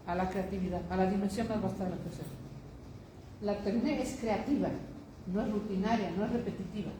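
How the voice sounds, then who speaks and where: An older woman giving an academic lecture, emphatic, asking rhetorical questions and repeating phrases for effect. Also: medium pitch. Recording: noisy echoey room.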